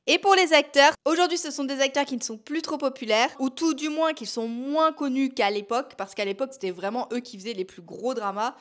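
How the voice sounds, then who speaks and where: Young woman vlogger, high bright voice, chatty, talks directly to camera. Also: a little fast, hardly any pauses. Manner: chatty, speaks directly to the viewer. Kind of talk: casual chat to camera.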